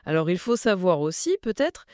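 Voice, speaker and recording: A woman teaching beginner French step by step, calmly modelling pronunciation for learners to repeat. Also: on the low side, normal speed, no room sound, clean studio sound. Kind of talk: beginner language lesson.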